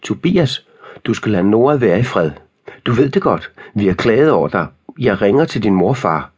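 A man's voice: lowish voice, big pitch swings, slightly rough, pitched above the performer's own voice. A man voicing a stern mother scolding a boy in an audiobook. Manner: sharp, scolding.

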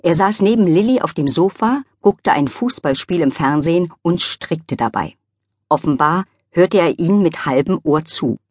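A woman reading a children's audiobook aloud in an expressive, scripted narration. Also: on the low side, normal speed, dry recording, clean studio sound.

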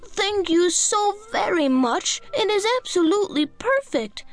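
Little storybook girl, thrilled and polite, high bright voice put on by a woman narrator. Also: moderate pace, soft background music. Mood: delighted. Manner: excited, wide-eyed and polite. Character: delighted little girl who loves books.

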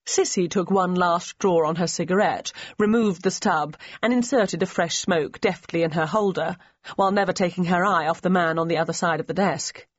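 A woman narrating a novel in a measured, even storytelling manner. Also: fairly low pitch, dry recording. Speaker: audiobook narrator. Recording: slightly muffled dry studio recording.

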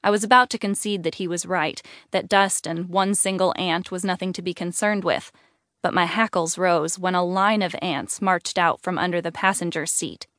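A woman narrating a first-person audiobook in an even, clear storytelling manner. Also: on the low side, moderate pace, no echo, studio quality.

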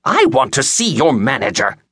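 A man's voice: mid-range voice, huge pitch swings, normal speed, fairly bright tone, slightly rough, no room sound, clean studio sound, pitched above the performer's own voice, exaggerated voice. A male narrator voicing a frail, cranky seventy-year-old woman with a walker in a wailing tirade, in an audiobook. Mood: furious.

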